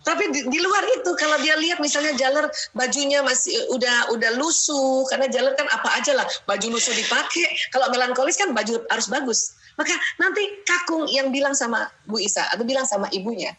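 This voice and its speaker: A middle-aged woman speaking at a parenting seminar, lively and laughing often, dropping "ya" between her sentences. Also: high-pitched, fairly quick, rough recording. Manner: peppers sentences with "ya". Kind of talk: seminar talk to an audience.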